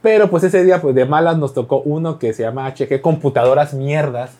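A man with a Mexican Spanish accent chatting casually on a podcast, telling lively stories, acting out dialogue and swearing freely. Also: a little high, fairly quick, slight background noise. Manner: animated storytelling, acts out dialogue, swears freely. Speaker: podcast talker recounting delivery work.

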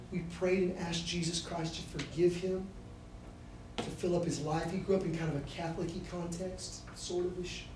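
A man with a high voice preaches to students, drifting between near-whispered asides and shouted declarations. He is heard from a distance in a very echoey hall, with faint room ambience behind him. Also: a little hiss or hum. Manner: storytelling, swinging from hushed to shouting. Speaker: campus preacher. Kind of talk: sermon. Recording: echoey hall, speaker far from mic.

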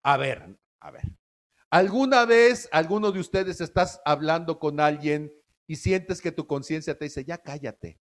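Male preacher, unhurried sermon delivery, high pitch, homespun style. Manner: folksy, asks the audience "¿sí?" often.

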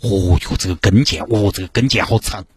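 A man with a Sichuanese accent telling a comic story in an animated way, full of exclamations. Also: lowish voice, fairly quick, husky, no echo, faint music behind.

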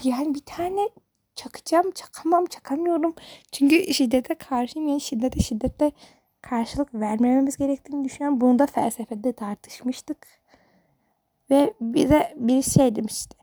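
A teenage girl, a high school student, rambling in an exasperated rant straight to camera. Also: normal speed, warm tone, dry recording, clean studio sound. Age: teens. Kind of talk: casual monologue to camera.

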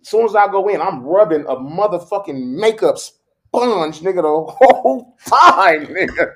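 American guy kinda high voice, loud-mouthed frat bro type storytelling, swears constantly, super casual. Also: animated, unhurried. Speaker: adult film performer being interviewed. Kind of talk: casual, profane chat.

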